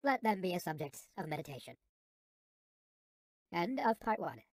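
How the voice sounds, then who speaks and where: A narrator with a sped-up, helium-like chipmunk voice reading an audiobook in a measured, formal way with falling phrase endings. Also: mid-range voice, sing-song, no room sound, studio quality.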